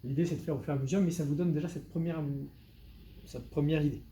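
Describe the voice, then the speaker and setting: A man giving a live presentation at a meetup, talking straight to the audience with a lively manner and dry asides. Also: on the high side, fast, slight background noise. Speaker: web consultant giving a meetup talk.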